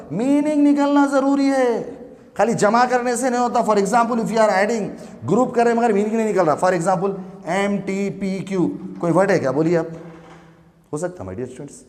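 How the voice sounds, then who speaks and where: High-voiced male teacher in an echoing classroom. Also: a little mellow. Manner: asks the class questions and answers them himself, repeats words slowly; spells words out letter by letter. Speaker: English grammar teacher. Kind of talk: classroom grammar lesson in mixed Hindi and English.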